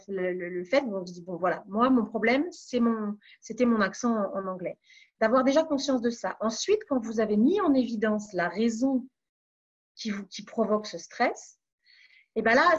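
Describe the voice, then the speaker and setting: A woman from France giving calm advice as a webinar coach, pausing on fillers and restarting her phrases. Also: on the high side, breathy edge, muffled recording. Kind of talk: online webinar talk.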